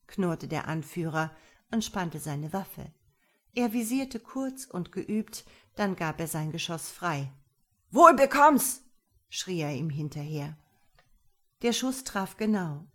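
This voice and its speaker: A woman with a lowish voice reads a crime story aloud as a podcast host. Her storytelling is lively and dramatic, with clear, steady diction. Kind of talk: audiobook reading of a crime story.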